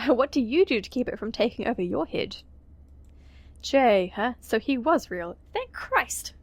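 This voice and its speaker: A woman reading a visual novel game aloud as a let's play, giggling and dropping quick, casual asides with some swearing. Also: on the high side, lively intonation, no echo.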